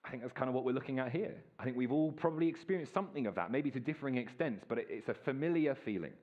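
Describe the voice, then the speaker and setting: Man, thirties, casual sermon, mid-pitched voice, slightly muffled recording. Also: racing. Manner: casual, self-deprecating, lively storytelling. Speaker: preacher. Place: church hall.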